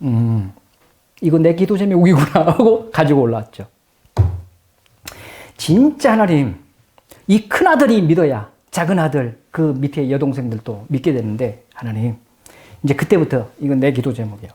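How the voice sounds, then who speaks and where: Animated Korean pastor preaching. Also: male voice, mid-range voice, moderate pace. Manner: lively, acts out dialogue, swings from hushed to loud exclaiming. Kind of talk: sermon with told anecdotes.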